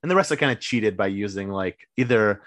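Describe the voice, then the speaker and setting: A man's voice: lowish voice, animated, fairly quick, fairly bright tone, no room sound. A man from the United States co-hosting a podcast, easygoing and reacting with short quips as he plays a quiz. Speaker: podcast co-host, quiz contestant. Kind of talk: casual chat.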